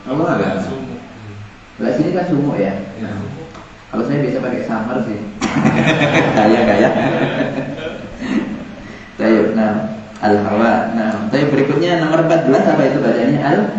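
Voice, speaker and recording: A man's voice: mid-range voice, lively intonation, unhurried, pauses often, over a noisy crowd. Man teaching Arabic vocabulary, repeats words and jokes, recorded far off in an echoey hall with a class behind. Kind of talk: classroom lesson. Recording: echoey, distant, dull room recording with students. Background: class of students.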